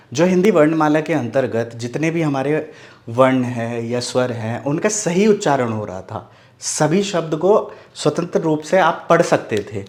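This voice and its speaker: Casting note: a male Hindi teacher from the Mithila region, patient and explanatory, who repeats example words and often checks that the class follows. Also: on the high side. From Mithila region, India. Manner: explains step by step, often asks "do you follow?" and repeats "ठीक है"; says example sounds and words slowly and repeats them. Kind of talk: online video lesson.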